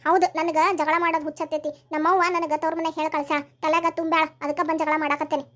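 A woman voicing a scheming, quarrelsome young daughter-in-law in a cartoon story, in a shrill, nagging tone. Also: level tone, quick pace, a bit bright. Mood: demanding.

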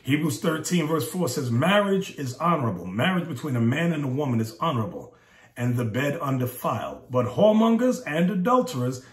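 A man preaching in an animated, emphatic way, his voice jumping high when he mocks others. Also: fairly quick, echoey room. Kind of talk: video sermon commentary.

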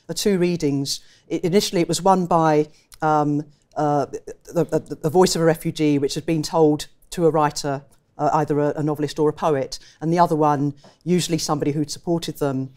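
A woman's voice: low-pitched, darkish tone. A woman poet with an English accent talks through her work in a conversational interview. She is reflective and often rephrases herself mid-sentence. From England. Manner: thoughtful, self-correcting.

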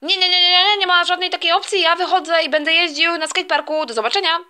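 A woman voicing a stern, confused toy father, speaking in a lowered, puzzled and apologetic voice. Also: fairly even intonation, fast talker, bright, forceful tone. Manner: puzzled and apologetic, low put-on voice. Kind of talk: toy play-acting.

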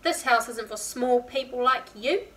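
A man's voice: very high-pitched, unhurried, fairly bright tone. A woman voicing a bossy, grumpy little boy from a storybook, with emphatic, defiant delivery. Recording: distant mic with faint room noise.

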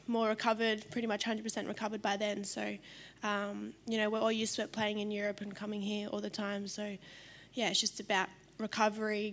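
Australian woman footballer, flat steady answers. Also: mid-range voice. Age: young adult. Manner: measured, many fillers, trailing off at ends. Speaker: footballer at press conference. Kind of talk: post-match press answers. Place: press conference room in front of sponsor board. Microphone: desk microphone on stand.

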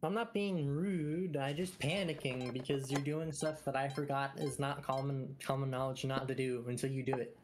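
A man's voice: medium pitch, fairly even intonation, normal speed, hardly any pauses, noisy background. A man playing a co-op game with friends, hurriedly telling teammates what to do. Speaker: co-op game player. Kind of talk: casual gaming chat.

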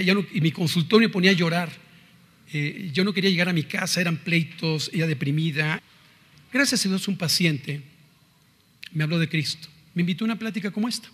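A man's voice: a little high, a bit bright. A middle-aged man with a Mexican accent giving an earnest, confessional religious testimony and quoting scripture. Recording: reverberant hall.

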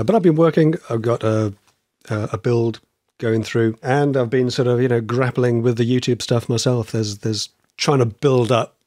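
A man in casual podcast chat as a host, with a slightly wheezy, croaky voice and a rambling, stop-start delivery. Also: medium pitch, darkish tone, dry recording, studio quality.

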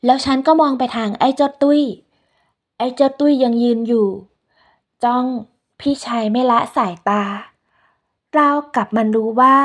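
Woman narrator, soft and unhurried, voice sitting a bit high, reads a scripted first-person story.

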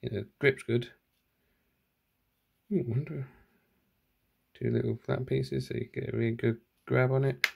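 Indoors at home, a channel host unboxes an item while thinking out loud and revising what he says, shooting one-handed on a handheld phone camera. His medium-pitched voice is level, darkish and slightly rough, with vocal fry, a somewhat slow pace and frequent pauses.

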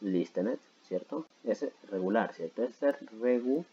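Low, mellow-voiced man teaching grammar. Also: animated, measured pace, breathy edge, highs cut off. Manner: patient, repeats himself with many "¿sí?" and "¿no?" check-ins. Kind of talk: explaining grammar to school students.

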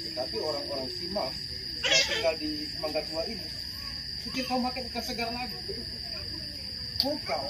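A middle-aged man with a Papuan Indonesian accent preaching a sermon, lively and quizzing the congregation. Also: high voice, normal speed, long pauses. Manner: lively, asks the congregation questions. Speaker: priest. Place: outdoor open-sided tent at night. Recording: loud insect noise from far off.

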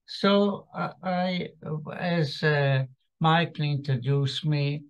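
Over a video call from a small room at home, a Slovak-accented man in his eighties gives survivor testimony as a guest speaker. His fairly high, smooth voice is halting and hesitant with long pauses, and the computer-mic audio is muffled and lo-fi.

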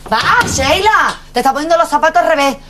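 A middle-aged actress playing a brash, bossy, quick-tempered working-class mother in a sitcom. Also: high-pitched, expressive, noisy background. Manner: bossy, scolding, loud and blunt. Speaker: mother of the family. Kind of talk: sitcom acting.

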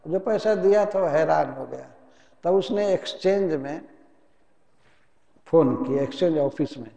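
A man giving a devotional sermon as a spiritual teacher, telling stories in a lively, chiding way. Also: fairly high pitch, a little slow, gravelly. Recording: echoey hall.

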